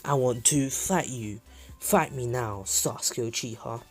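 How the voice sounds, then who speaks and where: A man's voice: mid-range voice, unhurried, soft background music, natural voice. A man doing an earnest teen martial artist. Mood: challenging. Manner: earnest, formal challenge. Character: earnest eager teenage boy martial artist.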